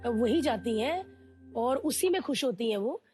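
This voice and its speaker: A woman with a fairly high voice tells a candid personal story. She talks in an animated way and slips into the voices of people she quotes. Faint music plays under her voice. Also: a little slow. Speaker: guest.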